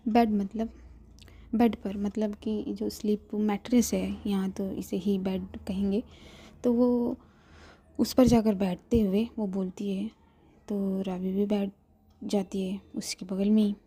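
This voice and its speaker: A woman storyteller narrating a love story in a soft whispered storytelling voice with casual asides. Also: medium pitch, level tone, takes it slowly, breathy edge.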